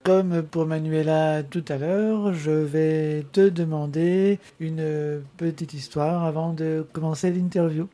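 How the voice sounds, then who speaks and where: A man introducing a guest in a radio interview, slow and hesitant. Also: a little high, fairly even intonation, warm tone.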